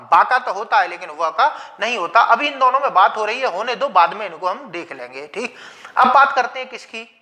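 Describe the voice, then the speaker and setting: A man teaching a Hindi grammar lesson on video. He explains slowly and patiently, repeats key points, and asks the class questions that he then answers himself. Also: sits high, sharp tone. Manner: slow, patient explaining with repetition. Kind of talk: video lecture.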